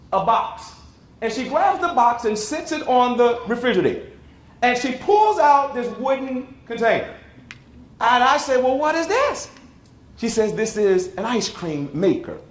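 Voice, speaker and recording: A man in his forties from Chicago, giving a motivational keynote in a conference hall, dramatic and acting out the voices. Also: very high-pitched. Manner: dramatic, acts out quotes, asks the audience. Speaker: keynote speaker. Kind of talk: motivational speech, storytelling. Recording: roomy hall with faint noise.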